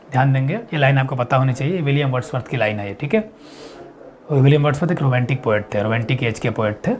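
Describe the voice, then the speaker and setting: A man teaching an exam-prep lesson, explaining step by step and answering his own questions, reading quiz lines slowly. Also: a little high, a little mellow, slight background noise. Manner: reads English quiz lines slowly and deliberately.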